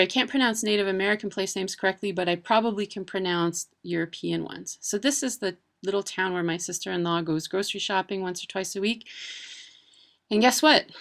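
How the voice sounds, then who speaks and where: A woman's voice: mid-range voice, gravelly, a bit bright. A woman talking casually to camera about words and places, with lots of ums and uhs. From Wisconsin. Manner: chatty, many ums and uhs. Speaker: vlogger. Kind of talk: casual educational talk.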